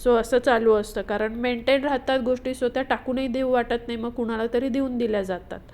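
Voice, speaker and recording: A woman's voice: on the high side, fairly even intonation, fairly quick, darkish tone. A woman chatting through a home vlog voice-over, explaining her cleaning routine with frequent fillers. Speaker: vlogger. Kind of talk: casual voice-over vlog narration.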